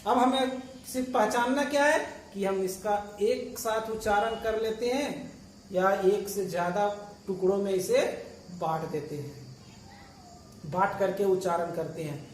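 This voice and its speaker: A male teacher talks through a grammar lesson at an unhurried pace, throwing out questions and then answering them himself. He repeats each word patiently, one step at a time. His voice comes from a few steps off the mic in a roomy, echoing classroom with a faint hiss underneath. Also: high-pitched. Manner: repeats and spells out words patiently. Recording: echoey room, voice from far off.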